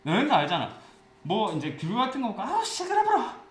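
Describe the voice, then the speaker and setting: A man teaching an English class with a Gyeongsang accent, explaining passages and telling jokey anecdotes in a lively way. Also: sits high, fast. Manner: lively, jokey storytelling, mixes English phrases into Korean. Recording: echoey classroom with faint hiss.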